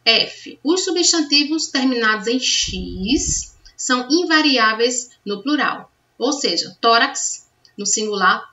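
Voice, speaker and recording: A woman's voice: a little high, sharp tone. A woman teaching a grammar lesson, patiently checking understanding with the class as she goes. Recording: distant, dull lo-fi sound.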